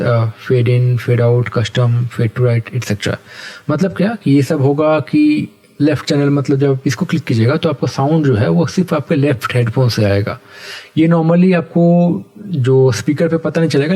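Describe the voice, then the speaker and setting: A man teaching animation software step by step in a patient, explanatory way, often checking in with his viewers. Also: mid-range voice. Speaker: animation tutor. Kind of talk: screen-recorded software tutorial.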